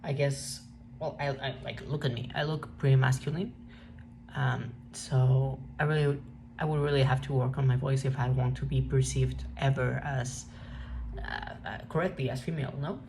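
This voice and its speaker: A woman's voice: rumbling low, gravelly. Hesitant young woman, Mexican accent. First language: Spanish. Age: young adult. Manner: hesitant, halting, frequent restarts and fillers. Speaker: vlogger. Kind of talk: reflective personal vlog monologue. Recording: steady background noise.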